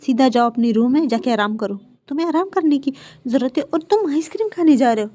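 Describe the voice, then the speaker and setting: A woman voicing a stern mother who scolds her sons, raised and quick. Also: high voice, expressive, mellow. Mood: scolding.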